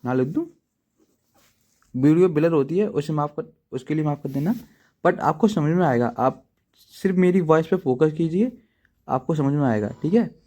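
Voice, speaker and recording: A man's voice: on the high side, lively intonation, normal speed, long pauses, mellow. A man teaching programming in a casual, chatty way, often checking in with his viewers and making self-deprecating asides. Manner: chatty, repeats "ठीक है दोस्तों" often. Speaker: coding teacher. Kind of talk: casual tutorial explanation. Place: at home writing in a notebook.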